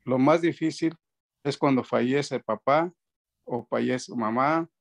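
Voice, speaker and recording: The guest here is a band's keyboardist in his fifties, calling in by webcam from a room in his house. His medium-pitched voice has vocal fry and moves slowly as he chats casually, rambling, restarting, and using many fillers.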